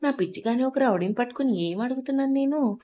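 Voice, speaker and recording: A woman's voice: high voice, fast, warm tone. A woman voicing a naive young bride in a storybook, full of wondering questions.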